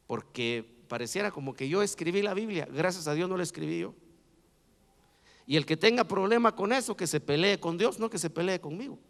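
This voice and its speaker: A male pastor preaching a sermon in a high voice with a gravelly edge. He builds to loud, emphatic repetition, then drops low again. The church hall gives his voice a long echo.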